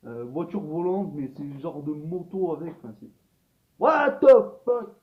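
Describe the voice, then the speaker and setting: A man giving a comedic, rambling film review as the host of his channel, hesitating often and breaking into sudden loud outbursts. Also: on the high side, normal speed. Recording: echoey room, dull lo-fi sound.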